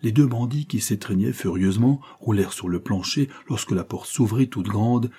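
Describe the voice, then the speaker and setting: A man reading an audiobook in a dramatic, measured storytelling manner. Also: on the low side, warm tone, husky. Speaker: audiobook reader. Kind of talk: scripted audiobook narration.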